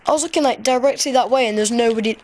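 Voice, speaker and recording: A woman with a Yorkshire accent commentating her gameplay live, excitable and bursting into shrill outcries between muttered asides. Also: rapid-fire. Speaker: gaming commentator.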